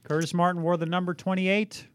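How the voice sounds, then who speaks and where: A man's voice: high-pitched, little pitch movement, fairly quick, no room sound, studio quality. A man co-hosting a radio show with casual sidekick banter and short, joking interjections. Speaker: radio co-host.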